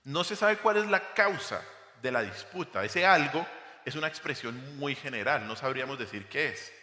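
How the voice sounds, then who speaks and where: A man's voice: medium pitch, animated, moderate pace, sharp tone. Emphatic preaching man in an echoey hall. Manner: emphatic preaching with rhetorical questions to the congregation. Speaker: pastor. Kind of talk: expository sermon. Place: church hall.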